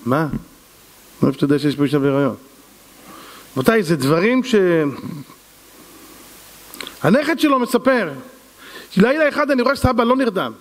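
A man's voice: sits high, long pauses. Guy giving a sermon full of stories, acts out the people in them, echoey hall. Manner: animated storyteller, voices quoted people, addresses audience as "gentlemen". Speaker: rabbi giving a lesson. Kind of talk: storytelling sermon. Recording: reverberant hall.

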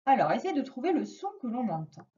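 A woman teaching a reading lesson to a young child, slowly and patiently stressing each sound. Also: a little high, sing-song, warm tone, far from the mic, dull audio. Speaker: primary school teacher.

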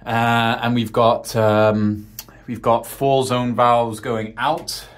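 Slow and flat, a man's mid-range voice guides viewers through his home's heating system in a casual vlog shot in a tight crawl space and utility room. Winded from crawling, he rambles practically, peppering his talk with ums and uhs.

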